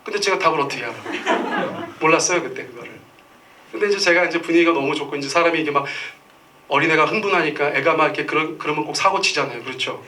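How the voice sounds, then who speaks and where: A man's voice: a little high, rapid-fire, bright, forceful tone, distant mic, slight background noise. A middle-aged man preaching a Sunday sermon, telling stories and acting out the voices of the people in them. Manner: storytelling, acts out quoted voices. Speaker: pastor. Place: church sanctuary.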